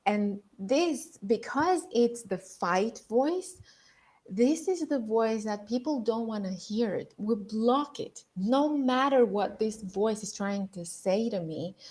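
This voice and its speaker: Slow-paced woman coach explaining an exercise. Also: a little high, lively intonation, darkish tone. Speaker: voice and public-speaking coach. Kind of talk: instructional lesson.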